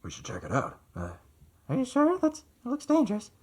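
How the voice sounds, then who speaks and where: A man playing excitable adventurers in a tabletop role-play, exclaiming in a strained way. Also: very high voice, a little fast, breathy edge, voice pushed up, full character voice. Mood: wary. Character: jittery band of adventurers, wary and excitable, then vengeful.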